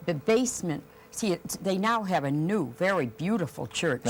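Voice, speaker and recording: A woman's voice: lowish voice, expressive, normal speed, soft background music. A woman being interviewed as a paranormal investigator, earnestly telling events and repeating words as she goes. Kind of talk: interview storytelling.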